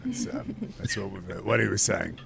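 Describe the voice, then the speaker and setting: Man, player, jokey, laughing often, gravelly voice, slow, faint noise. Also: deep voice, huge pitch swings. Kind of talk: casual game table chat.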